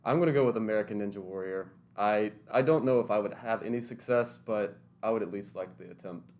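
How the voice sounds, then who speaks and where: Interviewed as a guest, this teaching intern from Tennessee is in his twenties and speaks briskly in a fairly low, slightly mellow voice. His answers come across as thoughtful and sincere, with occasional restarts.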